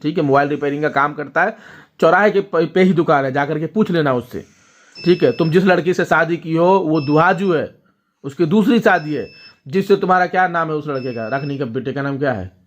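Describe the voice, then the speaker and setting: Man telling a family story, lo-fi sound. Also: a little high. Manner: storytelling, addresses viewers directly with frequent "ठीक है?". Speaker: vlogger. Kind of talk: casual talk to camera.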